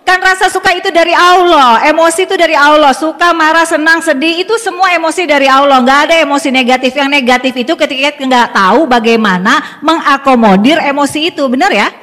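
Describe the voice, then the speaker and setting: High-voiced woman psychologist in a reverberant hall. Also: fast, hardly any pauses. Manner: animated, acts out parent and child lines, laughs with audience. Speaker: child psychologist giving a parenting seminar. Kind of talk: lively seminar talk. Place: school hall.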